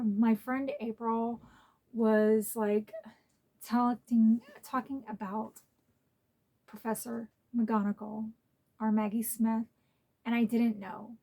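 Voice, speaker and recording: Lady chatting thru her haul vlog, kinda rambly and sweet, slow talker. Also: a little high, a little mellow. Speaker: vlogger.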